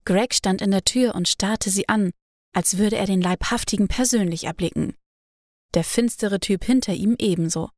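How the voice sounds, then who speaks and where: A woman reads a novel aloud at middle pitch, steady and measured. The close mic gives a dry sound with no room. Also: dry recording. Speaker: audiobook narrator. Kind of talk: scripted narration.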